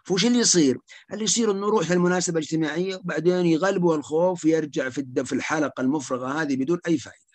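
A man's voice: a little high, racing, no echo. A man giving a slide lecture on social anxiety as a psychiatrist, emphatic and repeating key points.

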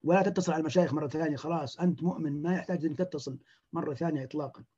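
Fast, high-voiced clinician lecturing. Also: male voice, husky, muffled recording. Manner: animated, acts out patients' words.

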